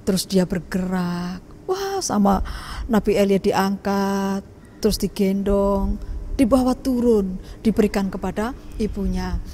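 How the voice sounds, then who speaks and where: A woman teaching children, telling a Bible story in an animated, expressive way. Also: mid-range voice, measured pace, slight background noise. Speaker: Sunday school teacher.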